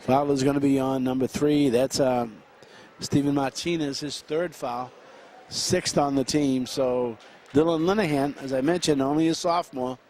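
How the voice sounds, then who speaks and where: A man calling play-by-play for a high school basketball game, running through quick action with frequent fillers and restarts. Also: steady tone, a little mellow, slight background noise. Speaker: play-by-play announcer.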